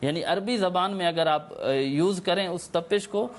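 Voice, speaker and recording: Measured man explaining scripture. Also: high voice, slight background noise. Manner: measured, explanatory, recites Arabic quotations. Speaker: religious scholar guest. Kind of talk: religious explanation on a live TV show. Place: remote link from abroad.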